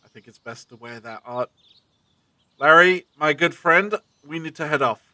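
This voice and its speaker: A man playing a brisk, secretive time-travelling adventurer in an audio drama, with a commanding, theatrical, abrupt manner. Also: a little high, bright, forceful tone, dry recording.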